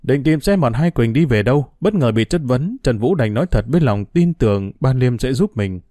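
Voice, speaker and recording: A male narrator reads a story in a steady, measured voice. His tone is warm and mellow, and the recording is dry and close with no room sound. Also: mid-range voice, dry recording. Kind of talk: audiobook story reading.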